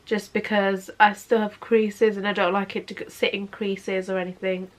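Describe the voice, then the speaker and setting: Poor audio captures a makeup vlogger in her 20s sitting on her bed and casually chatting through a tutorial, sniffling as she goes. Her medium-pitched voice moves at a moderate pace with little pitch variation, and "obviously" comes up constantly.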